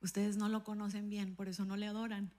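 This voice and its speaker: A woman pastor preaching a sermon and telling a personal testimony, acting out the dialogue in her stories with an animated voice. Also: medium pitch, fairly quick. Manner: animated storytelling, acts out dialogue with a raised voice.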